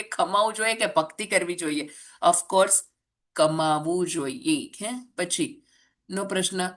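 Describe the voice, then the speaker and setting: A woman's voice: mid-range voice, a bit bright. Chatty woman teacher. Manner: chatty, jokey, asks rhetorical questions. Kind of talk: exam revision lesson.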